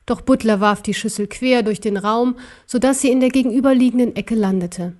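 A woman narrating a storybook in an expressive, dramatic way. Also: a little high, fairly quick. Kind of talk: storybook reading.

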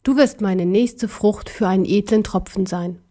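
A woman voicing a cruel ancient male emperor in a young man's body, talking slowly and with menace. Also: mid-range voice, dark tone, lightly acted. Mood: menacing. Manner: slow, menacing, sneering.

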